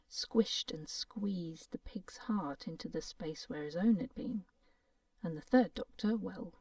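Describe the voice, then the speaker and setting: A woman reads a fairy tale in a gentle, playful, soft-spoken way, slipping into half-whispers. Her voice is low and warm. The recording is dry and a little distant from the mic. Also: dry recording. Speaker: storyteller.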